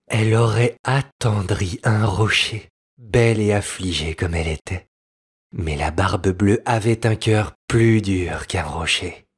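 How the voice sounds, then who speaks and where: A man narrating a storybook fairy tale with a husky voice, in slow, expressive storytelling. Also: fairly low pitch. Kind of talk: storybook reading.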